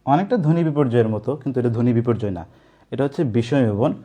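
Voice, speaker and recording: Young male tutor, relaxed and mellow tone, patient step-by-step explainer with chatty asides. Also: mid-range voice, racing. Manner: explains step by step, asks the class questions; casual, colloquial asides to students. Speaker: teacher. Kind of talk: online coaching lecture.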